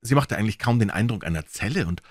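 A man reading a classic crime story aloud with dramatic, expressive narration. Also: on the low side, fast, dry recording, clean studio sound. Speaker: audiobook reader.

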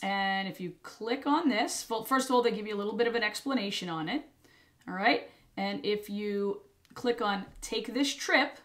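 In this screen-share tutorial, an RV travel vlogger in her thirties chats her way through a trip-planning tool one step at a time. She has a medium-pitched, fairly bright voice.

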